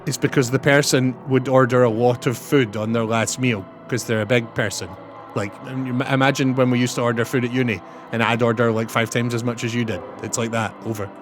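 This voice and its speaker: A man's voice: mid-range voice, fairly even intonation, a little fast. A young man streaming a game, chatting with his viewers and signing off turns with "over". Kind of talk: casual chat while gaming. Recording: game music loud behind.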